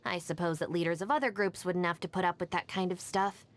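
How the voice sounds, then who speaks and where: Here a woman with a fairly low, fairly even voice performs lines for a capable young female gang deputy in a video game. She sounds close to how she would normally talk, dry and self-assured, keeping things brisk, composed and matter-of-fact.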